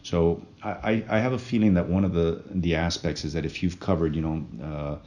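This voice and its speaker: A man from French Polynesia, a guest speaking in a thoughtful, casual interview manner with many pauses and fillers. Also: deep voice, steady tone, warm tone, lo-fi sound. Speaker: guest, project co-founder.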